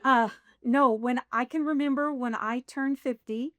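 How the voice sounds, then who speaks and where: A woman in her sixties, appearing as a guest, tells her faith story in casual conversation, rambling, poking fun at herself and laughing often. Her voice is high-pitched and steady, her pace measured, with crowd noise in the background.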